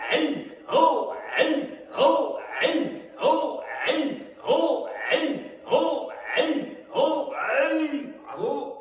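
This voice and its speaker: A man teaching an aikido class, giving calm, measured cues for breathing and movement. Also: high-pitched, a little hiss or hum. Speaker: aikido instructor. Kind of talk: guided exercise instruction. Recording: very echoey room, distant mic, faint music.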